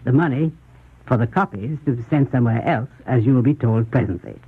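A man delivers measured, formal news commentary in 1930s radio style. His mid-pitched voice is rough and husky. The recording is narrow and tinny, like an old broadcast. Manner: measured, formal, rhetorical questioning.

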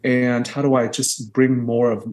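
His medium-pitched voice is level in tone, a little mellow, and a little slow. A man in his thirties from the Houston area, he's a guest choral conductor giving an earnest, reflective podcast interview from a small bedroom over a video call on earbuds, often restarting long sentences.

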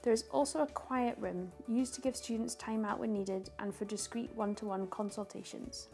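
A young woman giving a scripted guided tour, calm and informative like a guide, speaking clearly. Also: medium pitch, normal speed. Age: young adult. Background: background music.

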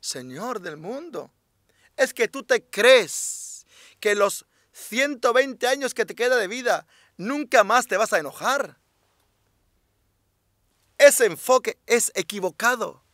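High, bright-voiced rabbi teaching. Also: male voice, lively intonation, slow, pauses often, no echo, studio quality. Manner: emphatic, repeats key phrases, asks rhetorical questions. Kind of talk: religious class lecture.

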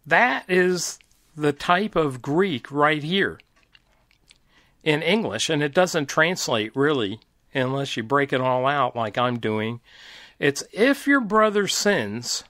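A middle-aged man giving an informal, deliberate Bible teaching talk, explaining passages step by step. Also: on the high side, fairly bright tone, dry recording, clean studio sound.

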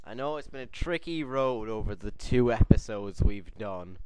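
A man's voice: fairly low pitch, lively intonation, moderate pace, mellow, clean tone, no echo. A tipsy young man hosting a homemade web show, rambling with mock-pompous speeches.

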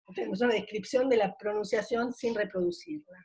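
A middle-aged female university professor gives a thoughtful academic conference talk in a slightly high, somewhat mellow voice. She often pauses on long, drawn-out fillers as she looks for the right words.

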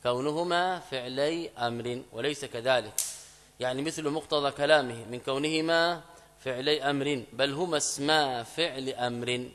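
A man teaching an Arabic grammar lesson in a mosque. He explains step by step, repeats key phrases, asks students checking questions, and reads quoted examples slowly and louder. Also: mid-range voice. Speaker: Islamic scholar teaching grammar. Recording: long mosque reverb.

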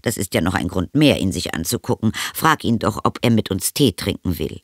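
A woman's voice: very deep voice, animated, brisk, dry recording, clean studio sound, full character voice. A woman voicing a worried, suspicious mother in an audiobook reading, questioning her son insistently. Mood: suspicious probing. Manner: probing, insistent. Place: studio.

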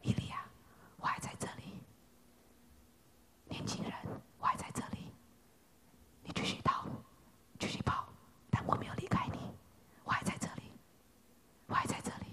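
A woman preacher whispering as God in a tiny, gentle voice in a whispered role-play, soft and tender. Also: moderate pace, pauses often, lightly acted. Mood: tender reassurance.

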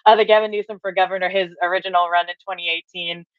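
Fast and steady in tone, her lowish voice carries no room sound. She's a Hawaiian workshop trainer in her thirties, leading a cheerful online class from a home office and reading chat answers aloud with frequent fillers. It's dry, dull, lo-fi audio from a webcam or laptop microphone on a video call.

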